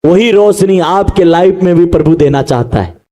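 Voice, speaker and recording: High-voiced pastor preaching with fervor. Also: male voice, normal speed. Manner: animated preaching, calls to the congregation. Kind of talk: sermon.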